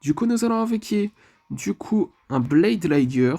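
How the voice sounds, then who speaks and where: A man's voice: sits high, expressive, a little slow, gravelly, mellow. A man giving casual commentary over his mobile game match, chatty and leaning on filler phrases. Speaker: mobile game channel host.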